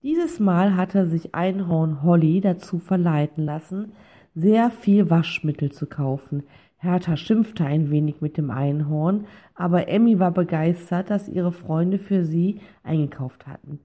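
A woman's voice: on the low side, unhurried, warm tone. Woman reading a children's story. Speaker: narrator.

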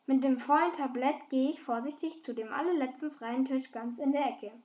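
A woman narrating a first-person story as an audiobook reader, lively and switching into the characters' lines. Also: high voice, normal speed, reverberant, lo-fi sound. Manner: lively, plays the characters' dialogue.

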